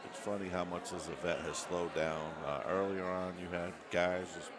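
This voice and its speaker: At a busy tournament venue packed with players, a low-voiced volunteer commentator calls a casual live stream at normal speed on an on-camera mic. He's relaxed and self-deprecating, restarting often and using plenty of fillers, while loud crowd chatter fills the background.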